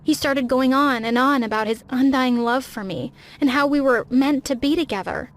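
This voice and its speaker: A young woman giving scripted first-person narration of an animated story, with a dramatic, emotional delivery. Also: high-pitched, normal speed.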